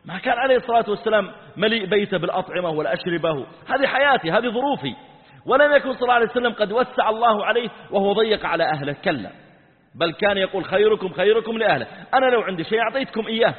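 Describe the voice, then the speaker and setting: Fast-talking preacher in an echoing hall. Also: male voice. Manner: dramatic retelling, dropping to hushed low tones for quotes. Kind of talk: sermon storytelling. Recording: tinny, band-limited recording in a reverberant hall.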